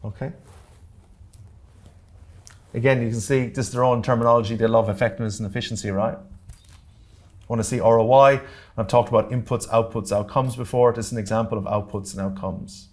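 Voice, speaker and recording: A man's voice: mid-range voice, steady tone, a little fast, pauses often, darkish tone. Irish man presenting a workshop, direct with joking asides, mid-range voice. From Ireland. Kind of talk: workshop lecture to a live audience. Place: community centre meeting room.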